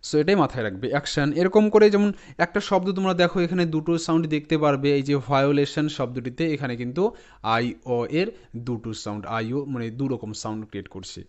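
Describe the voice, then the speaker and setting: A man teaching English pronunciation, spelling words out letter by letter and repeating them slowly for his students. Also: medium pitch. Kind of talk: spoken lesson to students. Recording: slightly dull lo-fi sound.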